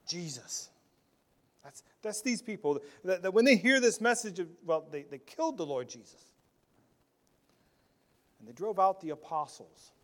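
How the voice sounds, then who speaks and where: Preaching with earnest conviction, this pastor frequently repeats words when restarting and swings from loud, emphatic phrases to quiet asides. His voice sits high.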